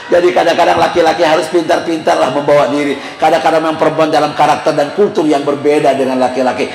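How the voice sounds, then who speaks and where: A man preaching a humorous sermon in a mosque, telling comic stories and acting out the voices of the people in them. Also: fairly high pitch. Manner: comic, acts out quoted voices, addresses the women in the audience. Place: mosque hall. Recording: echoey mosque hall.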